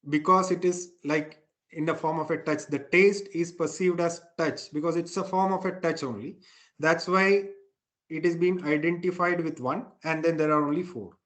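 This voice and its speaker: A man's voice: a little high, a bit bright. A man. He teaches spiritual texts in an informal, explanatory way, often adding a questioning tag to check understanding. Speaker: spiritual teacher leading a satsang.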